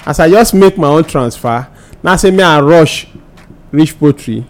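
High-voiced Nigerian man speaking Pidgin. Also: expressive, a little slow. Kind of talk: animated storytelling in casual radio talk. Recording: music bed under the voice.

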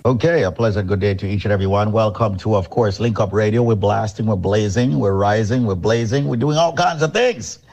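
Deep husky salesman on lo-fi radio. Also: fairly quick, hardly any pauses. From Jamaica. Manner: salesy, energetic. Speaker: company chairman doing an on-air promotion.

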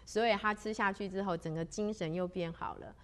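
Storyteller: woman, conversational folk-tale telling, chatty with drawn-out particles. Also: mid-range voice, fairly even intonation, a bit bright. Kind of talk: spoken storytelling of a religious legend.

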